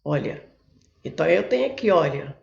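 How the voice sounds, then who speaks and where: Brazilian woman teacher explaining, lively pitch. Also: normal speed, vocal fry. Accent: Brazilian Portuguese. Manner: explains step by step with frequent "ó" and "olha" while pointing at the board. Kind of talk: exam prep lesson, working through questions. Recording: echoey room, dull lo-fi sound.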